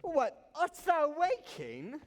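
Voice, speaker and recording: Woman acting a slow, wry, indolent stage nobleman. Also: high-pitched, wildly swooping pitch, darkish tone, heavily acted. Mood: wry, teasing. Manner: theatrical, wry, deliberate delivery. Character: sardonic, indolent nobleman, slowly drawn into a plot. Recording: echoey stage hall with long reverb.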